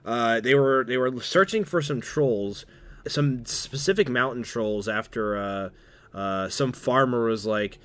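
A man's voice: mid-range voice, a little slow, fairly bright tone. Rambling man recapping a movie. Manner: rambling, full of fillers and restarts, laughs often. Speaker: podcast guest. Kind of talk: casual movie recap chat.

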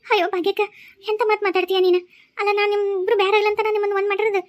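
A woman's voice: very high-pitched, little pitch movement, very fast. A woman voicing a kind, persuasive village woman who mediates in a family quarrel in a cartoon, with a North Karnataka accent. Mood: coaxing. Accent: North Karnataka Kannada. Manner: coaxing and earnest.

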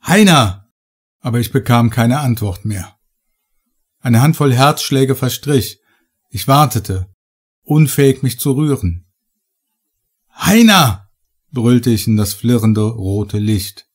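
A man reading a horror story aloud in measured, dramatic, scripted narration. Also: mid-range voice, darkish tone, husky. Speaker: audiobook narrator.

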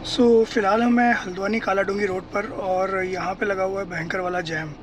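Over music, a man with a high voice speaks at a normal speed in a level tone. He's a travel vlogger joking and laughing a lot through a casual vlog of his family's road trip, set at a roadside stall, in the car and at home.

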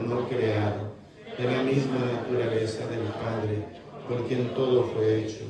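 A man, a priest, leading Mass prayers with measured liturgical recitation in a church sanctuary. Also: medium pitch. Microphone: far camera. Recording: echoey church from far off, congregation audible.

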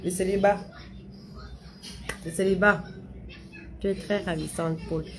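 A woman's voice: fairly low pitch, steady tone, a little slow, a little hiss or hum. A young woman hosting a casual live stream, talking straight to her viewers, repeating herself, with a slight stammer she says has eased. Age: young adult. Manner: chatty, addresses viewers directly, repeats phrases. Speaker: livestream host answering viewers.

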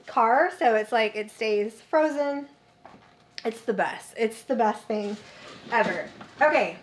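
A woman in her thirties chatting casually through a grocery haul in her home kitchen, excitable and talkative. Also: high voice, slight background noise. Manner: chatty and excitable, with sudden squeals. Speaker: vlogger.

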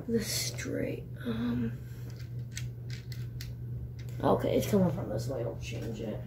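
A woman's voice: medium pitch, sing-song, a little slow, in a whisper. A woman hosting a hobby video, chatting casually at home in a rambling, giggly way with many fillers. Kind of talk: casual chat while working on a hobby. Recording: noticeable background noise.

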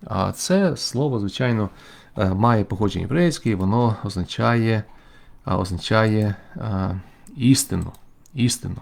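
A man, a church bishop, teaching a remote Bible study lecture in a measured, explanatory way, pausing often with "uh" while he works through the text. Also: fairly low pitch, creaky, a little mellow. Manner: measured, explanatory, frequent "uh" fillers while working through Greek.

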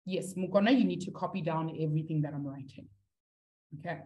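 A woman's voice: deep voice, fairly quick, lo-fi sound. A woman teaching a live online maths lesson, encouraging her students and reading their answers from the chat.

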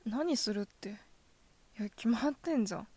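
Slow, soft yandere girlfriend, acted by a woman, ASMR role-play. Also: a little high, animated, no echo. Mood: coldly jealous. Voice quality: soft, often dropping in a soft voice. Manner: yandere: sugary coaxing turning quietly threatening. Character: possessive yandere girlfriend, sweet-voiced, coldly menacing.

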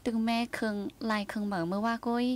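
A woman hosts a casual radio talk show and addresses listeners directly. She talks fast and briskly in a mid-range voice. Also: medium pitch, fairly even intonation. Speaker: radio host.

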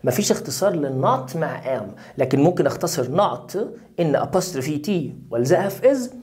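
A woman with an Egyptian accent teaches basic English grammar to young learners. Her voice sits low yet swoops up and down with animated emphasis. She plays both sides, firing questions and answering them herself. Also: normal speed. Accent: Egyptian Arabic. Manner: playful, asks and answers her own questions. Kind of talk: grammar lesson for children.

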